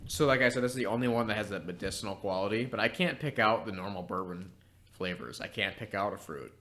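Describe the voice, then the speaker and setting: A man's voice: lowish voice, fast talker, sharp tone. Easygoing man telling a tasting story. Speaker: podcast co-host. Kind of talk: casual chat while tasting whiskey.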